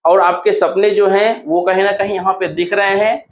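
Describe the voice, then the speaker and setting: A man from Hindi-speaking Bihar, speaking in a high voice with a level tone and normal speed, guides students through exam solutions in a casual, encouraging style. The audio sounds dull.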